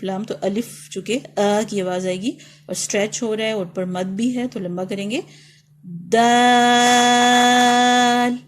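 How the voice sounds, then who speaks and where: A woman with a Pakistani accent, a teacher leading a beginners' reading lesson, who calls out each letter loudly and drawn out, then explains it softly. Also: mid-range voice, a little hiss or hum. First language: Urdu.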